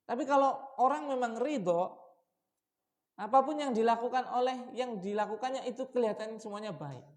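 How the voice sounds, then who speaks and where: A man preaching at a mosque study session, asking his listeners questions and shifting between raised warnings and quiet asides. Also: moderate pace. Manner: lively, shifts from loud warnings to low asides, asks the audience questions. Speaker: Islamic preacher.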